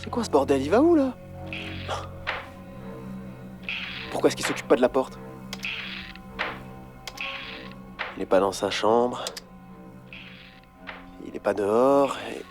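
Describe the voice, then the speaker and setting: Cocky teen boy giving orders, lively up-and-down voice, score under it. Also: medium pitch, moderate pace, music in the background. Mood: tense. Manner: bossy, urging his friend on. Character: bold curious teenage boy spying on a neighbor. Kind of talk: dubbed film dialogue. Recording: film score playing behind.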